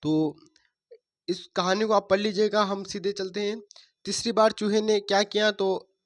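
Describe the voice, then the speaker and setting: A man's voice: high voice, fairly even intonation, a little slow. A man teaching a workbook lesson, reading stories aloud and explaining answers step by step. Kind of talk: workbook lesson read-through.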